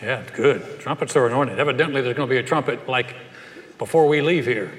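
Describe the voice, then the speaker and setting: A man's voice: mid-range voice, fairly quick. A man preaching a live church sermon, telling humorous anecdotes with frequent restarts. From Southern US, raised in North Carolina. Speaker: pastor. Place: church sanctuary, live service. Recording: long church hall reverb.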